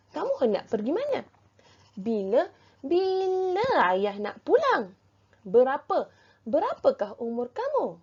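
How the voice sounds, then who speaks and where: A woman primary school teacher with a Malaysian Malay accent, giving a recorded grammar lesson in a slow, clear, drilling way with rising questions. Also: fairly high pitch, mellow. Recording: dull lo-fi recording.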